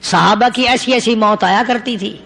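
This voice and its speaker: A man's voice: sits high, vocal fry, sharp tone, long reverb tail. A man preaching a sermon in an emphatic, rhythmic way, stacking repeated phrases. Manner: emphatic, rhythmic, repetitive lists.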